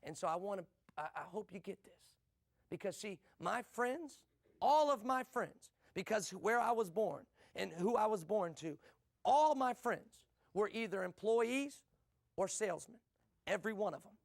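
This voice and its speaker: High gravelly-voiced motivational speaker man. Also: expressive. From USA. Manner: rhetorical questions and quick punchy repetition. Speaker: business speaker. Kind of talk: motivational seminar talk.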